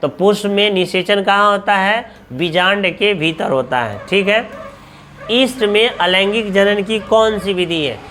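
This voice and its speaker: High-voiced man drilling quiz answers. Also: measured pace, bright, forceful tone, a little hiss or hum. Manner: asks questions then answers them himself; repeats each answer for drilling. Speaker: coaching teacher. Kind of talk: exam question walkthrough lesson.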